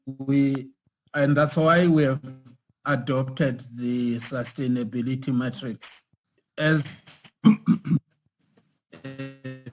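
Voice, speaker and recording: A man, speaking haltingly at a formal consultation over a video call whose sound keeps breaking up and glitching. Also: mid-range voice, fairly even intonation, soft background music, poor audio. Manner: halting, repeats words when restarting. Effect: choppy, breaking-up online call audio. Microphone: remote call connection.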